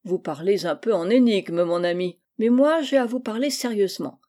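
A woman voicing a gentle, doting mother in a storybook reading, tender and indulgent. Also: medium pitch, moderate pace, natural voice.

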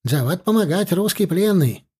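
A man voicing a jittery male village interpreter who speaks in broken, hurried phrases, pitched well above his own voice. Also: lively intonation, darkish tone, slightly rough. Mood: eager. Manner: broken grammar, urgent hissing.

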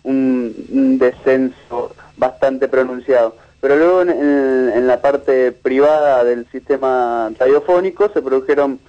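A man's voice: mid-range voice, fairly even intonation. Man analyzing, dull radio sound. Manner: measured, analytical, with frequent fillers and restarts. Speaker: media researcher and lecturer. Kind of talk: interview guest analysis.

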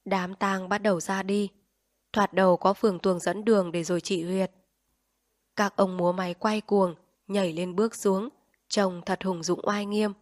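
A woman reads an audiobook in a calm, measured way, with a pitch in the middle of the range. The sound is dry and close, with no room echo. She tells the story in a steady, even voice. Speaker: narrator. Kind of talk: audiobook reading.

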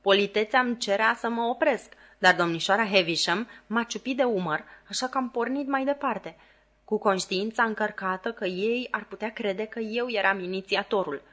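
A woman narrates a classic novel for an audiobook. Her voice sits in a middle range, neither high nor low. She reads at a measured, even pace. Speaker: audiobook reader.

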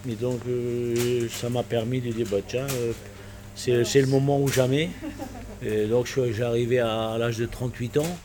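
A man's voice: medium pitch, fairly even intonation. A man in his sixties, born in Portugal with Portuguese as his first language, talking hesitantly and reflectively about his life in an interview. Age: 60s. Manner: reflective, hesitant, halting with restarts. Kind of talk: casual spoken recollection. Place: bar.

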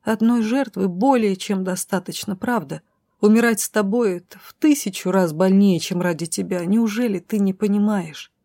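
A woman's voice: medium pitch, normal speed, mellow, no echo, lightly acted. A woman playing a desperate young heroine who pleads in a raised, tearful voice in an audiobook. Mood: whispering.

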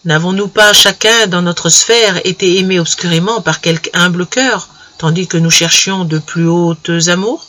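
A man reads a classic story aloud with measured, expressive storytelling. His voice is high and bright, carrying a clear, lifted tone. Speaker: audiobook reader. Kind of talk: scripted literary narration.

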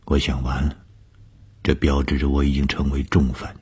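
A man narrating a first-person audiobook story, slow and often breathy, sometimes half-whispered. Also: very deep voice, monotone, a little mellow.

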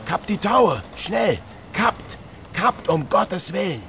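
A man voicing a loud, bluff middle-aged sea captain in a radio play, bellowing orders through a storm and dropping English sailor words into his German. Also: medium pitch, sing-song, normal speed, slight background noise, pitched above the performer's own voice, lightly acted. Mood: shouting orders.

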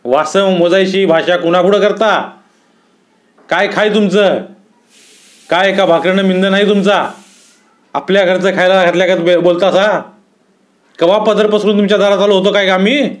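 A man's voice: sits high, steady tone, normal speed, pauses often, voice pushed up, natural voice. A man voicing a proud young wrestler who speaks firmly and confrontationally in a raised voice. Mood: defiant. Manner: firm, confronting, pointed.

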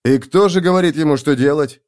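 A man voicing a wary young swordsman who delivers dry, terse lines and hushed threats. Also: on the high side, a little fast, pitched above the performer's own voice, close to an everyday voice. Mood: wary, wry.

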